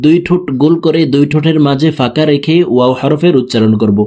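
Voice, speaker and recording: A man teaching letter pronunciation, explaining each sound slowly and then chanting it with long drawn-out vowels. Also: fairly high pitch, warm tone. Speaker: Quran reading teacher.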